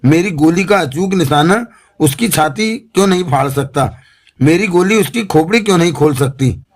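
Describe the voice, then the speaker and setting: A man voicing a gruff male gangster with two pistols who talks in blustering slang, in an audiobook. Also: on the high side, animated, moderate pace. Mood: boastful. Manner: Bombay street slang, blustering.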